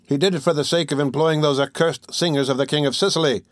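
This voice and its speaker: A man voicing a sharp-tongued old fishwife who complains loudly. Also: fairly high pitch, fairly even intonation, fast, no echo, pitched above the performer's own voice, lightly acted. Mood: indignant.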